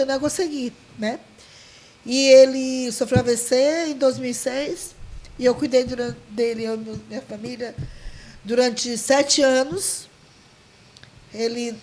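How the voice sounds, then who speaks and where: High-voiced woman. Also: steady tone, moderate pace, darkish tone, slight background noise. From Maranhão, Brazil. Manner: heartfelt, full of restarts and quoted dialogue. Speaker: guest, leader of a folk dance group. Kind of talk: emotional storytelling.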